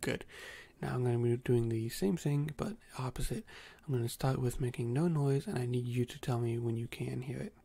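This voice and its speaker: A man in a whispered role-play as a doctor giving a calm nerve exam, speaking softly and slowly with hesitant fillers. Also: mid-range voice, creaky, slightly rough. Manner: soft-spoken, slow and gentle, with frequent hesitant fillers.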